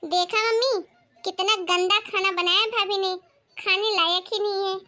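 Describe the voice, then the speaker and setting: A woman's voice: extremely high pitch, steady tone, measured pace, pushed and bright, faint music behind, heavily acted. A woman acting a spoiled, scheming daughter who tattles on her sister-in-law in a family drama. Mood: tattling. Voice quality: whiny, tattling.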